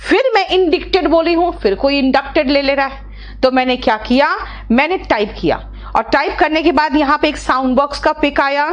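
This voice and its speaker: High-pitched woman, middle-aged, teacher, patient explaining voice. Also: normal speed, lo-fi sound. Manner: talks to her students as "beta", coaxing and explaining step by step. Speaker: English teacher. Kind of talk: online class explaining vocabulary.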